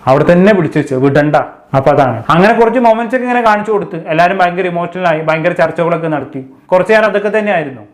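A man's voice: sits high, lively intonation, rapid-fire. A man giving a casual, chatty recap of a reality show and talking straight to his viewers. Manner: chatty, addresses viewers as kids. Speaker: show commentator.

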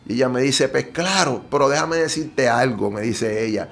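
Animated and earnest, a Puerto Rican-accented man recounts his testimony as an interview guest and keeps adding tag questions. He speaks at a moderate pace with a mid-range, creaky, fairly bright voice.

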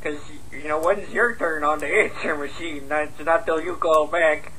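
An actor voicing a goofy, sentimental cartoon coach who leaves a folksy, halting, rambling voicemail. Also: male voice, a little high, steady tone, bright, forceful tone. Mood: sheepish, rambling. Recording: noisy answering machine message.

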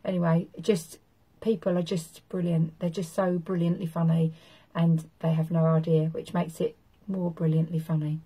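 A woman's voice: fairly low pitch, flat delivery, normal speed, warm tone, husky, poor audio. A woman vlogging, telling a funny story in a chatty, gossipy way with cheerful swearing. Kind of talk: casual storytelling to camera.

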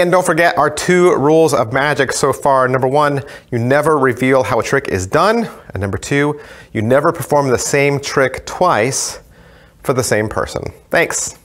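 A man's voice: medium pitch, moderate pace. A man teaching a simple magic trick to a class in a casual, conversational way, demonstrating as he explains. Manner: relaxed, conversational, demonstrating with hands. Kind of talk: casual how-to tutorial.

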